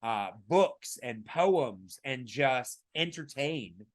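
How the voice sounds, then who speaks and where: A man co-hosting a podcast in casual chat, his voice raspy, talking emphatically with many fillers and restarts. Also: mid-range voice, animated, drawn-out words. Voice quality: raspy today. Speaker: podcast co-host.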